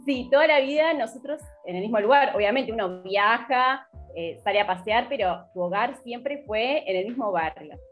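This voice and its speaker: A woman in her forties with a Buenos Aires Argentine accent, a guest on a video-call interview, explaining her experience in a steady way. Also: fairly high pitch, normal speed, lo-fi sound, faint music behind. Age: 40s. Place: home room.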